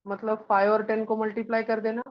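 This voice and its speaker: Female teacher, animated storyteller, even-toned delivery, dull close recording. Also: a little high, a little fast. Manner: animated storyteller, mixes English terms into explanation. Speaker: science teacher. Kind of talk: classroom lecture with playful storytelling.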